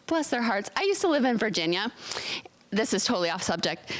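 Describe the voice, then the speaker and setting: A woman's voice: on the high side, sing-song, brisk, poor audio. A woman teaching a Bible study in a casual, chatty way, full of fillers and self-corrections, reading scripture aloud between her remarks. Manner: reads scripture passages aloud.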